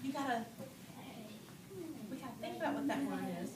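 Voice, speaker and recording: A woman teacher reading a picture book aloud to a class, slow and expressive, asking playful questions. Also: high-pitched. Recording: echoey classroom from far off, noisy.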